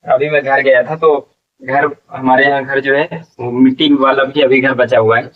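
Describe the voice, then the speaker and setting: A man teaching an English vocabulary lesson, explaining slowly and repeating each word, asking questions and answering them himself. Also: mid-range voice, level tone, distant mic, lo-fi sound.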